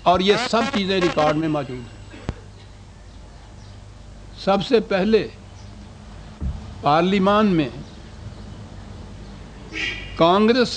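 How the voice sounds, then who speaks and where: A man's voice: high-pitched, slight background noise. An older man giving a scholarly lecture, reading out historical quotations and putting rhetorical questions to his audience.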